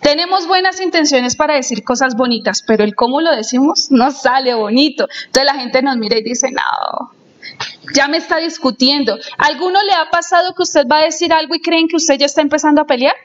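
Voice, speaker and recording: A high-voiced woman lectures a live audience on family communication. She keeps turning to the crowd with direct questions and acts out short stories. The recording sounds dull and lo-fi. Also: fast talker, hardly any pauses.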